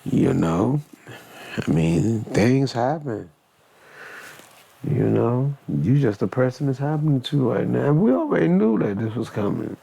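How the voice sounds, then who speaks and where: A man's voice: mid-range voice, big pitch swings, measured pace, vocal fry, mellow, slightly rough. A man giving joking, blunt commentary, reacting to a news clip. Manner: joking, blunt, slangy rambling with interjections. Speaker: reaction video host.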